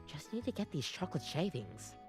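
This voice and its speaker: A wry, chatty barista in a video game. Her voice sits a little low but moves around expressively, with soft music behind. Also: sing-song, fairly quick. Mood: wry, resigned. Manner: wry, conversational. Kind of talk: scripted video game voice acting.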